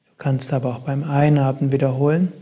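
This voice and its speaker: A man guiding a meditation in a calm, soft-spoken way, with long pauses between instructions. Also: mid-range voice, husky. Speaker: meditation guide.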